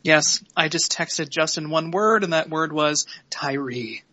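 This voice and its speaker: A man hosts a casual sports podcast, walking through the plays in quick, wry detail. His voice is bright and dry, with no room sound around it. The recording is dull and a little lo-fi. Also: a little high, dry recording. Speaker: podcast host.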